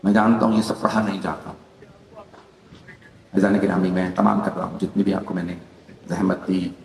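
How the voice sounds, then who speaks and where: A man's voice: low voice, level tone, normal speed, creaky, darkish tone, slight background noise. A man, a cleric, delivering a mourning sermon as dramatic, impassioned storytelling that acts out the quoted voices. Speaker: Shia cleric giving a majlis. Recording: echoey hall, distant mic.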